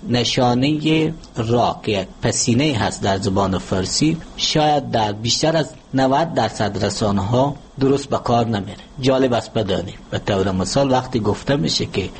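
A man speaks as an interview guest, lecturing slowly and carefully with small hesitations. His voice sits at an ordinary middle pitch, with a faint hiss of noise under it. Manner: measured, lecturing, with hesitant fillers. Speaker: language expert guest. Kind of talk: formal interview explanation.

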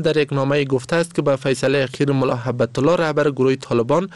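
A man's voice: mid-range voice, no room sound. A man with an Afghan Dari accent reads a scripted radio news bulletin in a solemn, formal newsreader manner.

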